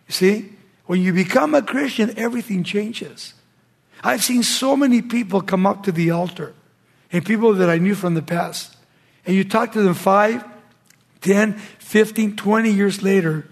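Casting: male preacher mid-sermon, raspy and somewhat high, emphatic, alternating raised and hushed phrases.

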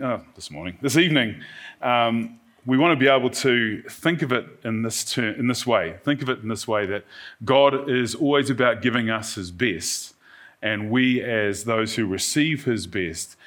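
A male pastor with a New Zealand accent preaches in a conversational style. His voice sits at a medium pitch, and he addresses his congregation directly, often checking that they follow. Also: a bit bright. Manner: checks in with listeners using short tag questions. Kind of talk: conversational evening sermon to a congregation.

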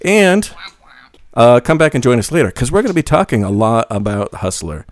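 A man's voice: mid-range voice, moderate pace. A man hosting a podcast, reading a jokey scripted intro and then chatting casually with friends. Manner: lively, joking, animated delivery. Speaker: podcast host. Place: small room with friends.

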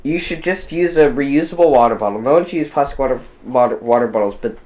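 A man's voice: medium pitch, fast, darkish tone. A young man in his late teens hosting a casual podcast chat, ranting and talking over the others. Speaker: podcast host.

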